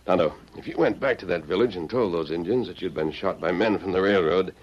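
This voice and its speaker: An actor playing a steadfast, commanding cowboy hero in an old radio western, speaking in a firm, measured, clearly enunciated way. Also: male voice, sits low, close to an everyday voice. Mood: steady, concerned. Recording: muffled, noisy old radio recording.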